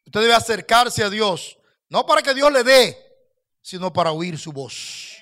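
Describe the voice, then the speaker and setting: A man preaching a sermon as pastor, swinging between soft low asides and loud raised exhortations to his listeners. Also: animated, unhurried. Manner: impassioned preaching, addresses listeners as brothers.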